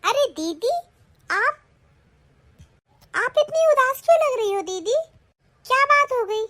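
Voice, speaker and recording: A woman voicing a kind, humble young daughter-in-law in a Hindi cartoon, speaking softly and consolingly. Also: extremely high pitch, animated, slow, heavily acted. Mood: worried. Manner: soft, consoling.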